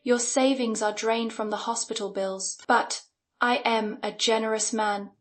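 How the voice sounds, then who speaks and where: A woman's voice: fairly high pitch, steady tone, measured pace, fairly bright tone. Woman reading as a smug, patronizing tech man. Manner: scoffing, condescending.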